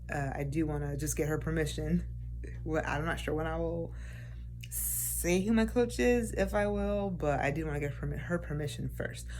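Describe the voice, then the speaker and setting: Low-voiced rambling woman in her forties. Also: a little mellow, slight background noise. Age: 40s. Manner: rambling, frequent fillers and restarts. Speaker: vlogger. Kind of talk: casual rambling vlog.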